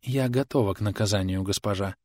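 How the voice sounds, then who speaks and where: A man's voice: lowish voice, a little fast, no echo, studio quality, close to an everyday voice. A man voicing a cheeky young woman who plays a mock-servile maid and then snaps back sharply. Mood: mock-submissive. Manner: sly mock-submissive, then sharp and whining.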